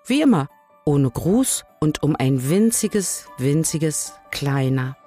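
An older woman reading a children's story aloud in a calm, measured way. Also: low voice, faint music behind. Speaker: reader.

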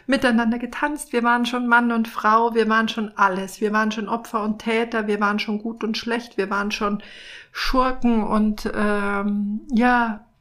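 Woman as a loving friendly soul: soft, tender, sometimes whispering. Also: fairly high pitch, little pitch movement, moderate pace, lightly acted.

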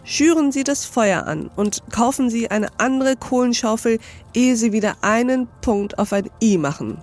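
A woman reading aloud voices an old male moneylender, gruff and commanding, later hearty, for a storybook reading. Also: a little high, lively intonation, normal speed, darkish tone, soft background music, natural voice.

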